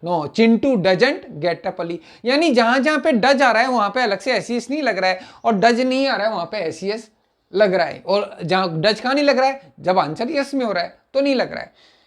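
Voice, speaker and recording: A middle-aged man teaching spoken English online, repeating example sentences slowly and clearing his throat now and then. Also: very high-pitched, lively intonation.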